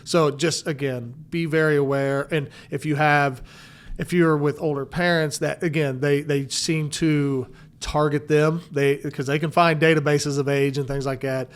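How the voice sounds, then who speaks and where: A man's voice: a little high, fairly even intonation, measured pace, clean tone. A man, a financial advisor, giving earnest, cautionary advice in casual chat and coming back to the same warnings. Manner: earnest, cautionary, repeats "again" often.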